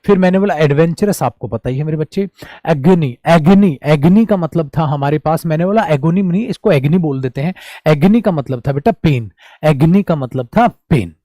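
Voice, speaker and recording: A man teaching a quick vocabulary revision lesson, calling his students "my child" and "my brother". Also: fairly high pitch, animated, dark tone, no echo, studio quality.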